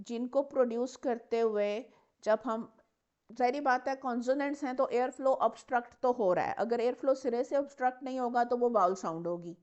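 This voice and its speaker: A woman's voice: on the high side, darkish tone. A woman teacher, giving a patient step-by-step lecture on English consonants and repeating example words. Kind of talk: classroom lecture mixing Hindi and English. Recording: muffled lo-fi recording.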